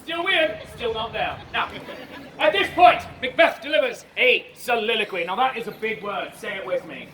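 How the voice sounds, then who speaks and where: A man telling a story to a live festival crowd as a comedy performance, giving his volunteers animated stage directions and shouting now and then. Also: sits high, normal speed, slight background noise. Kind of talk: live audience-participation comedy retelling. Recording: far-off echoey outdoor crowd recording.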